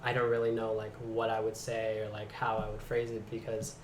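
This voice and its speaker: A young man from the Bay Area, a guest in a casual interview chat, talking reflectively and trailing off quietly at the ends of his thoughts. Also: fairly low pitch, completely flat delivery, fairly quick, reverberant, slight background noise. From San Francisco Bay Area. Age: young adult.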